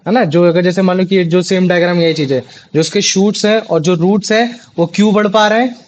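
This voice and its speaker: A young man tutors a class over a video call, chatty and often asking checking questions to make sure students are following. His voice is high-pitched, steady in tone, and fairly quick. The online call audio is dull and lo-fi.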